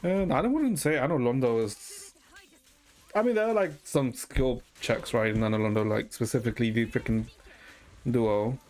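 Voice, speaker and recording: Music plays behind a man streaming a game, who speaks at a moderate pace in a medium-pitched, darkish voice. He chats casually with viewers, hesitantly thinking out loud with a bit of mild swearing.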